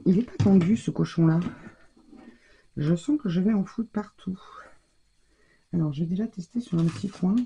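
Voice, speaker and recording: A woman's voice: fairly low pitch, normal speed, long pauses, mellow, slight background noise. A woman giving casual, chatty commentary on her scrapbooking, thinking aloud as she works. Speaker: scrapbooking crafter.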